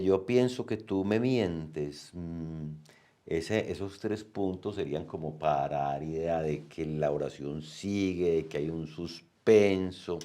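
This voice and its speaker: A man's voice: deep voice, darkish tone. A man explaining reading exam questions as a teacher, checking in with "¿cierto?" often.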